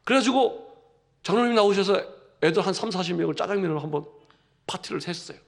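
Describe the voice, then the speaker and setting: Male pastor, animated preaching, gravelly tone, rhetorical questions. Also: sits high, fast. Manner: humorous asides. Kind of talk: sermon.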